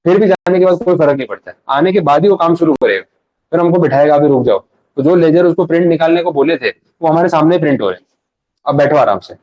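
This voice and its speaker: Speaking fast and conversationally, a man with a slightly high voice delivers a live revision lecture, acting out short bits of dialogue. The audio is dull, with no room sound.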